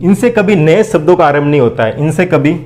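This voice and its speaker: A man with a fairly high, slightly mellow voice teaches an exam-prep lesson while writing, and the sound of his writing carries behind him along with a slight hiss or hum. Expressive and a little fast, he drills each point by asking the class and answering himself, repeating questions and answers and calling listeners his friends.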